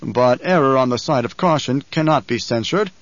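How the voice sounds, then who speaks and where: A man's voice: mid-range voice, animated, moderate pace, no echo, highs cut off, natural voice. A man doing a fawning, wary baron. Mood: placating. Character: nervous scheming male baron, obsequious before power.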